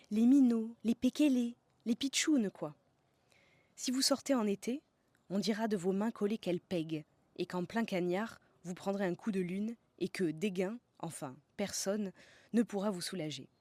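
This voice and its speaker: A woman's voice: medium pitch, normal speed, dark tone, no echo. A woman from the south of France, narrating a scripted podcast as host in a playful way, savouring slang words.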